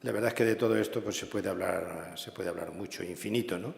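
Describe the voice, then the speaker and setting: A man with a Spanish accent moderating a book presentation, making calm, measured remarks. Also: low-pitched, vocal fry. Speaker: presiding host. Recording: echoey hall, off mic.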